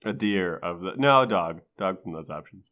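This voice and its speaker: A man co-hosts a podcast in a casual, conversational style. His voice is bright and forceful, with very lively pitch movement that swings up and down as he banters. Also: moderate pace. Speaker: podcast co-host.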